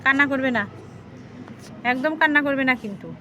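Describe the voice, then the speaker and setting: High-voiced mother coaxing a toddler. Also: brisk, pushed and bright, a little hiss or hum. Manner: sing-song coaxing, repeating herself. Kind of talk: coaxing a toddler at bath time.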